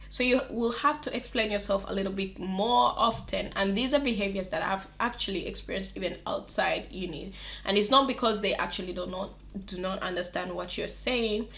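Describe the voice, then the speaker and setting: A young adult woman with a medium-pitched voice and a non-native English accent chats to camera in a casual vlog. She counts English as her mother tongue but isn't from England or America, and she's animated and talkative, laughing often and frequently restarting.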